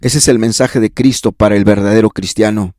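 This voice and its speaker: A man preaching a fervent sermon as a pastor, repeating phrases and rising sharply in pitch for emphasis. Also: steady tone, brisk, mellow, no echo, clean studio sound. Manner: fervent preaching with repetition and sudden pitch rises. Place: church.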